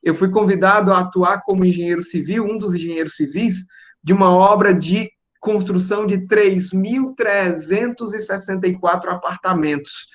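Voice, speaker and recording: A young man, giving a relaxed, explanatory talk to students and checking in with "né?" and "certo?". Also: high-pitched, moderate pace, highs cut off. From Northeast Brazil. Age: young adult. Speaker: guest engineer speaking to students. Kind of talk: relaxed presentation over video call.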